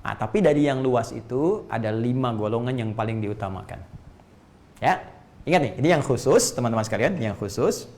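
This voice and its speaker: A man giving a religious lecture as a preacher, animated and rhetorical, with quick jokes and questions to the audience and repeated phrases for emphasis. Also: mid-range voice. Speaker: Islamic preacher.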